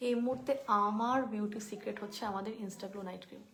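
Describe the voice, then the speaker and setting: A woman's voice: mid-range voice, steady tone, fast talker. A young woman hosting a live shopping stream on her phone, chatting through skincare prices and answering viewers. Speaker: online skincare seller.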